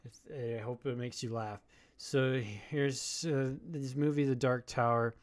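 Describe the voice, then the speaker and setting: A male video commentator opens his video with a rambling, halting monologue, stumbling through lots of fillers and restarts. His voice is mid-range with fairly even intonation.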